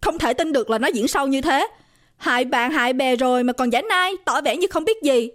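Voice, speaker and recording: A sharp-tongued young woman sneering at a rival in a spoken ghost story, voiced by a woman narrator. Her voice is high and clipped, blunt and dismissive. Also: lively intonation, a little fast. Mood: scornful.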